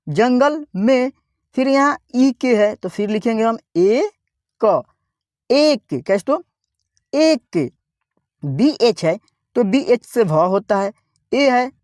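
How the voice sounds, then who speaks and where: A man teaching an online reading lesson slowly, spelling out each word, repeating it and asking viewers to say it back. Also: very high-pitched, darkish tone, no room sound, clean studio sound.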